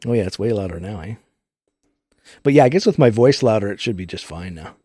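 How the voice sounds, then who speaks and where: Male game streamer, casual and rambling, dark mellow tone, heavily compressed vocal, very dry studio sound. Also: on the low side, expressive, a little fast, slightly rough, dry recording. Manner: rambling, explains technical details while playing. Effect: audio compressor on voice. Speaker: live-streaming gamer and host. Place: recording studio. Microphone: studio microphones through a multichannel input.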